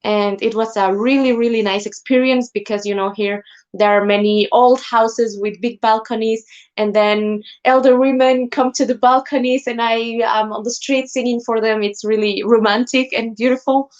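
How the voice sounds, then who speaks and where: A woman's voice: on the high side, steady tone, moderate pace, dull audio. A young woman from Ecuador, a classical singer, telling her story as a guest on a live online show. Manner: earnest, enthusiastic storytelling. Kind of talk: live stream interview.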